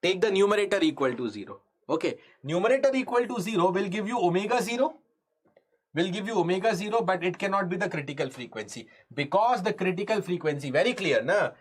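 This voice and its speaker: North Indian man teaching, higher-pitched voice. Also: animated, fast talker, slightly rough. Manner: repeats phrases, asks students questions, mixes Hindi into English. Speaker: engineering exam lecturer. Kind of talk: live online lesson, explaining step by step.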